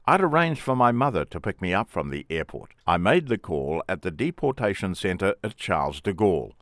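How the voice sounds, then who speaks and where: Brief: middle-aged man, deep and expressive, wry memoir reading, dry close mic. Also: moderate pace, no echo. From England. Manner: plain, wry first-person storytelling. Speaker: memoir author and narrator.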